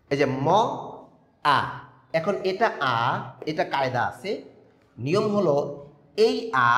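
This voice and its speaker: A man with a somewhat high voice gives an emphatic lesson, asking rhetorical questions and spelling out sounds one by one. His voice rings out with a long, roomy reverb, as if recorded in a large hall. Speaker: teacher. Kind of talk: instructional talk on pronunciation. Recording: echoey room with long reverb.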